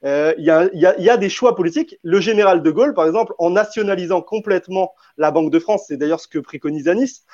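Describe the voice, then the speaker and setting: A man's voice: high-pitched, quick pace, hardly any pauses, a little mellow, no room sound. A man arguing in a debate, hesitant, often restarting and repeating words. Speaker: debate panelist. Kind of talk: spontaneous debate argument. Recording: dull, dry lo-fi audio.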